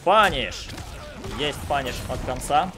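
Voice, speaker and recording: A man's voice: medium pitch, animated, slow, over music. A young man commentating a live fighting game tournament like an announcer, with exclamatory calls and gamer slang, close on a streaming mic at home. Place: small room at home, streaming.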